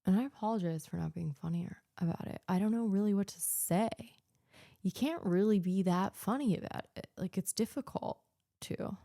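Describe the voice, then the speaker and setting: A woman's voice: mid-range voice, normal speed, creaky, warm tone, no room sound, studio quality. A woman from the United States hosting a podcast, delivering an earnest, ranting political monologue full of filler words. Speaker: podcast host.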